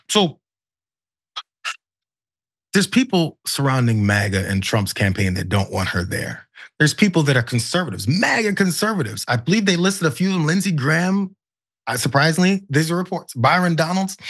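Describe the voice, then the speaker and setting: Husky, animated man arguing politics. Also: fairly high pitch, moderate pace. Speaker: political show co-host. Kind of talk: conversational political commentary.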